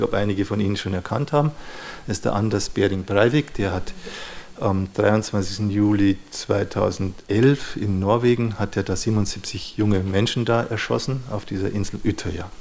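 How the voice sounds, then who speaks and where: A man with a somewhat low voice lectures an audience on psychology. He speaks thoughtfully, pausing to find his words and dropping small fillers as he goes. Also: fairly even intonation, a little mellow, a little hiss or hum. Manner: thoughtful, searching for words, frequent "ja" and "ne".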